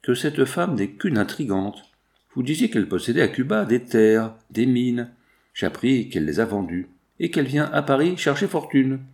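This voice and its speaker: A man's voice: medium pitch, sing-song, normal speed, a little mellow. A man voicing a stern aristocratic father in an audiobook, firm and indignant as he lectures his daughter. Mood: grave. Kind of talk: audiobook character voice.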